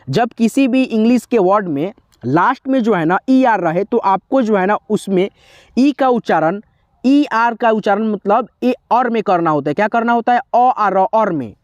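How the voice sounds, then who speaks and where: A woman teaching a lesson, spelling words out slowly letter by letter and quizzing the listener. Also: a little high, darkish tone, dry recording, highs cut off. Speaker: English teacher. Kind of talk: classroom-style spelling lesson.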